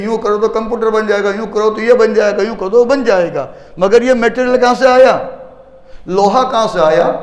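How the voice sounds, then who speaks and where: High-voiced preacher in echoey mosque. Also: male voice. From India. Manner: rhetorical questions, repeating phrases for emphasis. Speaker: mufti preacher. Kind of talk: Friday sermon. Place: mosque hall. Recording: echoey mosque hall reverb.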